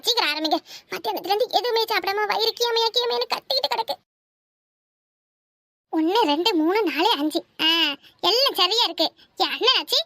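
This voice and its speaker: A woman's voice: extremely high pitch, sharp tone, no echo, clean studio sound, exaggerated voice. A woman voicing a scheming, bossy young married woman in a cartoon, talking with a Kanyakumari Tamil accent. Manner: bossy, scolding, fast chatter. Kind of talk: cartoon voice acting.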